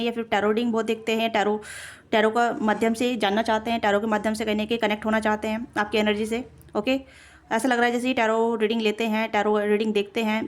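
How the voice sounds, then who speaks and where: A female tarot reader with a fairly high voice speaks quickly to the camera in a casual reading. Her talk runs on and on, packed with fillers and self-corrections.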